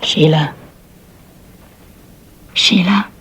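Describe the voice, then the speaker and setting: Low-voiced, concerned policewoman. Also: measured pace, darkish tone, slight background noise. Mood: concerned, probing. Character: firm, concerned policewoman, a sergeant. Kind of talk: naturalistic TV police drama acting.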